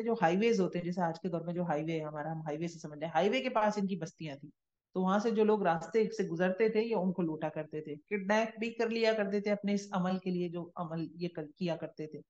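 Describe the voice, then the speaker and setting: A woman with a Pakistani Urdu accent teaches a Quran tafsir lesson at a mid pitch, moving from recited verses into plain conversational explanation. She often poses a question and answers it herself. The recording sounds roomy and somewhat dull, with a lo-fi edge. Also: darkish tone.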